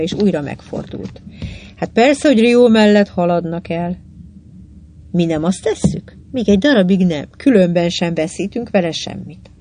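Mellow, measured audiobook reader. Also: mid-range voice. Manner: even, measured storytelling with lightly voiced dialogue. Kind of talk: scripted narration.

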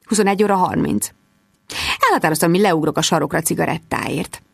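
A woman reading a first-person story as an audiobook narrator, with expressive delivery. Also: fairly low pitch, vocal fry, breathy edge, dry recording.

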